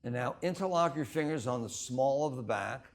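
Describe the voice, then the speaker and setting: A man guiding a breathwork and exercise class as the instructor, giving measured instructions in short phrases with long pauses. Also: medium pitch, expressive.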